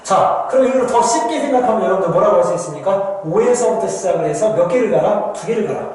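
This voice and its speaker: A man's voice: high-pitched, lively intonation, fast, a little mellow. A man teaching a recorded math lecture, explaining step by step with patient repetition, speaking to his students and answering his own questions. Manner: explains patiently, keeps saying "ja" and addressing students; asks questions and answers them himself. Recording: echoey room with long reverb.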